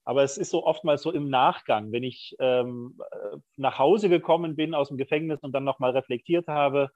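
A middle-aged man reflects candidly on his work as a prison chaplain, pausing often as he thinks. His voice sits at an ordinary pitch. The recording is dry and a little dull and lo-fi. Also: dry recording. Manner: thoughtful, candid, with frequent hesitations. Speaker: prison chaplain, podcast guest. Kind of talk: reflective conversational interview.

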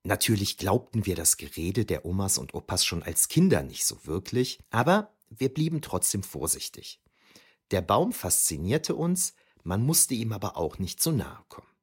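For an audio drama, a man plays a reflective ancient historian recalling memories of his youth in scripted first-person narration that is wry and explanatory. He uses a full character voice that is low and breathy-edged, with big pitch swings and a moderate pace.

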